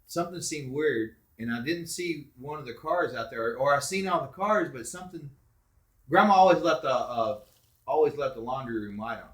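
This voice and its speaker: A middle-aged man, a father telling family ghost stories in a casual, animated way, acting out quotes loudly. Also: medium pitch, echoey room. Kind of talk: casual storytelling.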